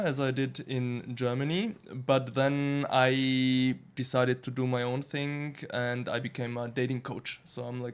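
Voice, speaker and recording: A man's voice: mid-range voice, clean tone. Chatty man in his thirties, panel guest. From Austria. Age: 30s. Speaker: dating coach, panel guest. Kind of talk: casual panel chat.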